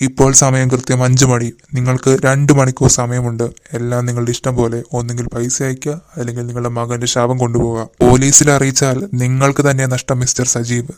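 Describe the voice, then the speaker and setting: ഒരു പുരുഷൻ കാർട്ടൂണിൽ ക്രൂരനായ തട്ടിക്കൊണ്ടുപോകൽ സംഘത്തലവന് ശബ്ദം നൽകുന്നു, പരിഹാസവും ഭീഷണിയും നിറഞ്ഞ സംസാരം. ശബ്ദത്തിന് മുറിയുടെ മുഴക്കമില്ല. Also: male voice, medium pitch, a little mellow, clear, resonant tone, no room sound, studio quality, close to an everyday voice. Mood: menacing. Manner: harsh, mocking, threatening. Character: ruthless male kidnapper boss. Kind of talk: cartoon voice acting.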